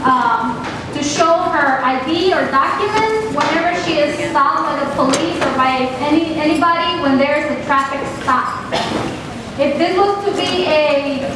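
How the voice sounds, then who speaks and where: A woman from Mexico with a Mexican Spanish accent speaks to a class as a guest, her voice sitting high. Her presentation is earnest and direct, and she asks the students questions. The recording is echoey and distant, with a noisy background.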